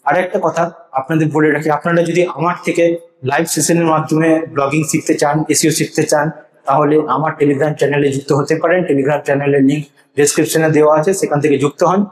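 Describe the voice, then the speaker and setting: Man, rapid confident tutorial delivery, recorded in a bare room with heavy echo. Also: a little high, level tone. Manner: earnest, confident advice-giving. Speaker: blogging and SEO YouTuber. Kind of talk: casual tutorial monologue to camera. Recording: echoey untreated room.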